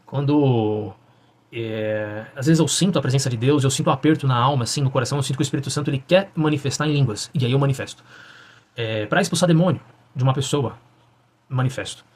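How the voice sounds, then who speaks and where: A young man telling his personal religious testimony in an earnest, halting way, with frequent restarts. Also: medium pitch, a little mellow.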